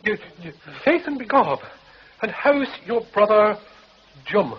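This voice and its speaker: An actor playing a stammering, excitable stage-Irish comic in a green beard, in a radio play. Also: male voice, measured pace, slightly rough, heavily acted. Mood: eager. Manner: high, excitable patter with stammers. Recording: dull old radio recording with hiss.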